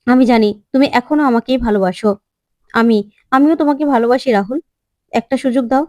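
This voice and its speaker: A woman's voice: a little high, a little fast, mellow, dry recording, lightly acted. Woman doing a scheming, clingy young woman. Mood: pleading. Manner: pleading, insistent.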